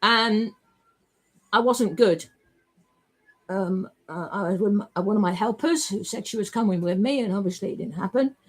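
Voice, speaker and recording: A woman's voice: medium pitch, normal speed. A woman in a rambling, emotional personal monologue, swearing freely as she talks.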